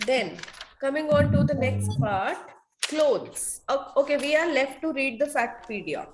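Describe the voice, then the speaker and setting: A woman's voice: high-pitched, animated, a little slow, background noise. A woman with an Indian accent teaching an online children's class, asking checking questions and repeating key points. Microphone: online video call.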